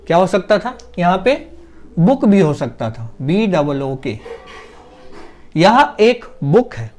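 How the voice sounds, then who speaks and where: Slow, high-voiced man teaching grammar. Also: sing-song, darkish tone. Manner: explains step by step, asks and answers his own questions; drags out vowel sounds when demonstrating pronunciation. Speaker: English teacher. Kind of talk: classroom-style grammar lesson.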